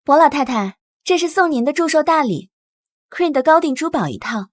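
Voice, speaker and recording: A woman's voice: high voice, expressive, normal speed, no echo, studio quality. A young woman playing a sweet-talking, scheming mistress in a drama. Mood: flattering. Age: young adult. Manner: sugary, ingratiating. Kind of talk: TV drama acting.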